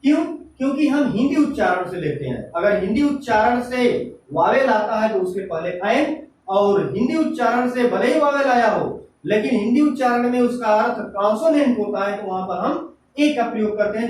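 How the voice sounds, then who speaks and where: A man teaching an English grammar lesson, explaining step by step and asking himself questions, then answering them. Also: very high voice. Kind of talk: classroom-style grammar lesson. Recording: echoey room, voice from a distance, faint noise.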